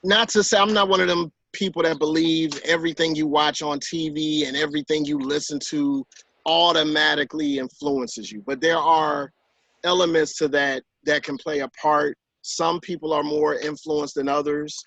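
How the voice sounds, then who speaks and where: A man in his forties, a guest author in a casual conversation, telling stories and acting out quotes in higher voices. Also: moderate pace, no room sound. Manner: animated storyteller who acts out quotes in higher voices. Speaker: author and guest on a talk show.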